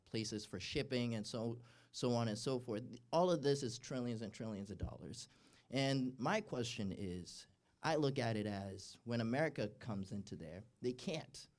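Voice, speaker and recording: A man from Uganda speaks from the audience at a town hall meeting. His voice sits at a middle pitch, and he talks haltingly, restarting his sentences as he builds his question. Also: a little mellow. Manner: hesitant, many fillers and restarts. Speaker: audience member asking a question. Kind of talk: question from the floor. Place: town hall event, indoors.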